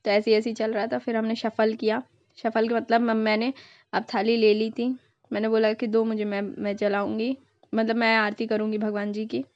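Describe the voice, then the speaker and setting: A woman's voice: on the high side, flat delivery, moderate pace, no echo, highs cut off. A young woman vlogger narrating her family's festival video in a casual, chatty way, dropping in English words now and then.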